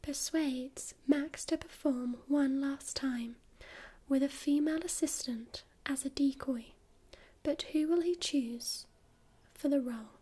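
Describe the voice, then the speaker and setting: A woman voicing a friendly, patient librarian in an ASMR role-play, speaking in a soft, soothing library soft voice. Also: high-pitched, slow. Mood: hushed, intriguing. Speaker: ASMR performer playing a librarian.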